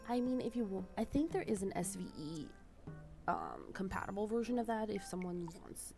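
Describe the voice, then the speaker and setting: A woman with a stuffed-up nose talks through her gameplay in a relaxed, rambling way. Her voice has a touch of gravelly fry and often trails off into soft fillers. Game music plays clearly behind her. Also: lowish voice. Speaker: streamer. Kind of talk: casual gameplay commentary.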